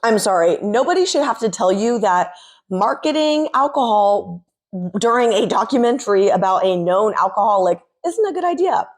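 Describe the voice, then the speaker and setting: A woman's voice: medium pitch, lively intonation, moderate pace. A woman giving opinionated commentary, exasperated and sarcastic. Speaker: commentary vlogger.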